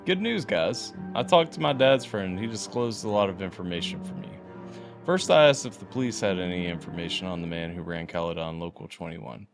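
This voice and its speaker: Guy reading a creepypasta, kinda trips over words, rough low voice. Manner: reads unevenly, stumbles and restarts. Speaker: podcast host reading a horror story.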